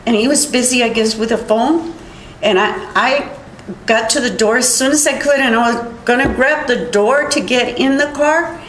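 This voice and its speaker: Older woman witness, slow halting testimony, somewhat high voice, roomy court sound with faint hum. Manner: halting, rambling retelling with many restarts.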